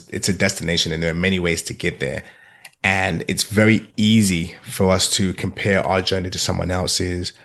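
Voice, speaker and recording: A man's voice: low-pitched, gravelly. A man co-hosting a motivational podcast from a remote setup, affirming and agreeing readily with his co-host. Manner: warm, affirming, quick to agree. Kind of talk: casual motivational chat.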